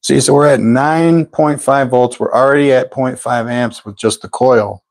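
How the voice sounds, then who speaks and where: A man's voice: medium pitch, steady tone, normal speed, gravelly, no echo, poor audio. A man hosting a live stream from a home workshop, streaming by phone and calling out meter readings with chatty asides. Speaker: host of a pulse motor channel. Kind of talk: live-stream tinkering commentary.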